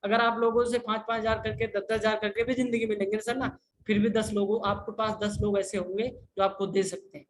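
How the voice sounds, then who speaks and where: High-voiced man giving an insistent sales pitch. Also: level tone, brisk, hardly any pauses. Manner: insistent and repetitive, keeps addressing the listener as sir. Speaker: business consultant answering viewer questions. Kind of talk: persuasive sales talk in a live Q&A. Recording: echoey room with faint noise.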